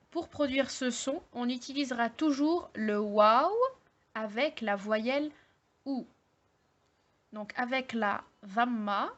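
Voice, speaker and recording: A woman teaching an online language lesson, explaining slowly step by step with many hesitations and fillers. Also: on the high side, muffled recording. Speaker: Arabic teacher.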